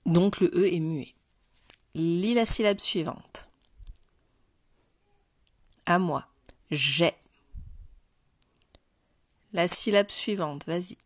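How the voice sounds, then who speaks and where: A woman leads a phonics lesson for a young child, and she talks slowly and patiently, with a lowish voice. The sound is dry and close, with no room around it. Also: dry recording. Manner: slow, patient, addressing the child directly. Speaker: primary school teacher.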